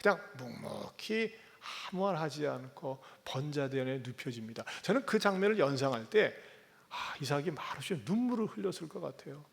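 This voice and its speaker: High-voiced pastor preaching in echoey hall. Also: male voice, lively intonation, moderate pace, vocal fry. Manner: dramatic storytelling, swinging between hushed and loud. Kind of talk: sermon. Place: church sanctuary.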